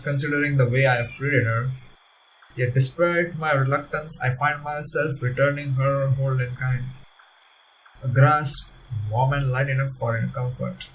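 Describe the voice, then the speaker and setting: A man's voice: mid-range voice, a bit bright, far from the mic, a little hiss or hum, low-quality recording. A man reading a visual novel aloud as narrator, with earnest delivery and laughing asides. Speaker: let's-play narrator. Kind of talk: reading a story game aloud with commentary.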